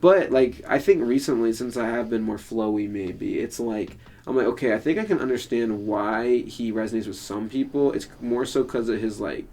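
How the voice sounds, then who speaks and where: A man's voice: medium pitch, moderate pace, few pauses, a little mellow. A young man co-hosting a podcast in casual chat, rambling with lots of filler words. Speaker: podcast co-host.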